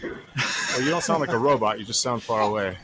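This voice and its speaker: A man co-hosting a casual podcast chat, dry and wry, quick to laugh. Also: medium pitch. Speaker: podcast co-host. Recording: noisy recording.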